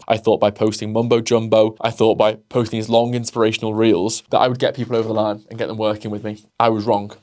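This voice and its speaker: Young male business coach with a lowish voice, blunt, profane, motivational monologue. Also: darkish tone. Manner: blunt, heavy swearing, acts out both sides of imagined dialogues.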